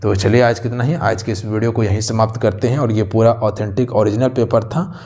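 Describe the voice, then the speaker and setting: This man teaches exam prep, moving briskly through a question paper in a lowish, darkish voice with fairly even intonation. Recorded on a close voice-over mic, he repeats points often and calls viewers "aap sabhi."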